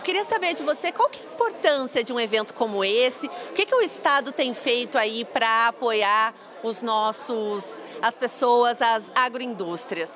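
Young reporter lady, upbeat and chatty, kinda high voice, live from a fair. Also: lively intonation, moderate pace, few pauses, fairly bright tone. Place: busy indoor food fair. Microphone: handheld reporter mic.

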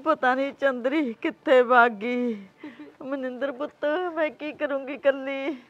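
A woman's voice: high-pitched, steady tone, unhurried, a bit bright, muffled recording. A woman playing a worried older mother who pleads tearfully in a village short film.

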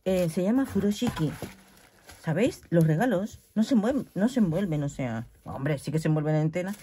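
A woman's voice: lowish voice, expressive, moderate pace, dark tone, slight background noise. A woman with a Spanish accent, chatting animatedly to her followers while unboxing a gift at home, laughing often. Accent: Spain. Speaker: craft vlogger. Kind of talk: casual chat unboxing a gift. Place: at home in her craft room. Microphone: laptop mic.

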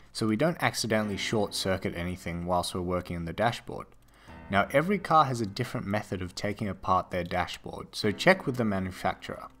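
A man with an Australian accent narrating a scripted voice-over for a build tutorial, in a steady, explanatory way. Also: deep voice. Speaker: tech video narrator.

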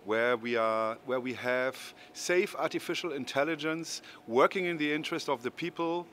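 Man from Germany, halting, mid-pitched voice. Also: a bit bright, slight background noise. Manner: slow, halting. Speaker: conference participant. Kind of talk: short on-camera statement. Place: conference hall, green screen. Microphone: handheld mic held close.

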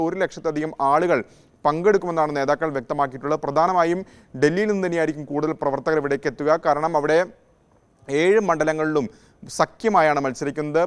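Male correspondent, 30s, live report, resonant clear tone, steady explainer. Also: on the high side. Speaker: news correspondent.

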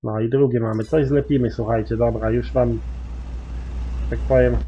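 A man's voice: medium pitch, fairly even intonation, normal speed, warm tone, dull audio, slight background noise. Rambling man chatting over a farming game. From Poland. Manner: rambling, peppers speech with mild swearing fillers. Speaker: gaming YouTuber. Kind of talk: casual farming-sim commentary.

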